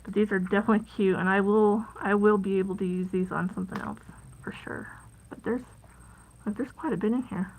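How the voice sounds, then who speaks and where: A woman hosting a casual live crafting stream, chatty and rambling, with plenty of fillers and soft asides at her craft table. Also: medium pitch, fairly even intonation, brisk, rough recording. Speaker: crafting livestream host.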